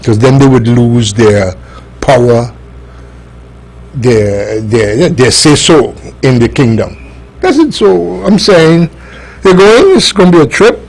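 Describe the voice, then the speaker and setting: A man's voice: mid-range voice, animated, slow, a little mellow, poor audio. A man with an Aruban accent giving opinionated political commentary on a talk show, speaking emphatically and arguing with rhetorical questions.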